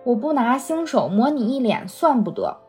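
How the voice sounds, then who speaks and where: A woman's voice: on the high side, very animated, normal speed, darkish tone, slightly rough, soft background music, exaggerated voice. Woman voicing a cheeky young maidservant. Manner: playful, cheeky banter.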